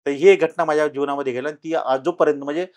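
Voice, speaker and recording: A middle-aged man with a fairly high voice tells his own ghost story to a podcast host. He talks casually and unpolished, pausing and restarting often, and his voice swells louder when the story turns tense. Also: fairly even intonation. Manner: halting, with many fillers and restarts, rising louder at tense moments. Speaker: guest telling his own ghost experience.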